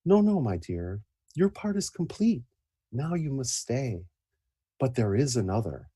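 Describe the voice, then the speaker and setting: A man voicing a soft, comforting mother in a fantasy tale, gentle and soothing. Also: mid-range voice, sing-song, a little slow. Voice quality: soft, husky.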